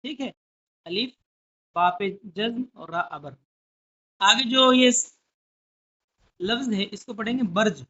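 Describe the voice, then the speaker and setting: This Urdu classroom lesson comes from a woman with a somewhat high, bright voice who explains slowly and carefully, one letter and word at a time. Frequent checks on her students punctuate it, and the sound quality is slightly dull and lo-fi.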